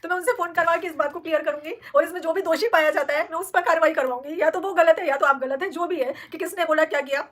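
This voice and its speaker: A woman's voice: very high voice, fairly even intonation, fast talker, hardly any pauses, fairly bright tone. An upset woman crying and accusing someone during a livestream argument. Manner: accusing, upset, talks over others. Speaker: livestream guest.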